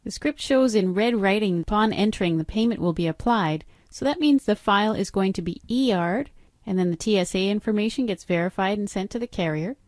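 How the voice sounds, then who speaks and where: Explaining each step of a screen-recorded training walkthrough, a middle-aged software trainer speaks briskly in a medium-pitched voice with a darkish tone. Her manner is matter-of-fact and instructional, captured in a dry recording with clean studio sound.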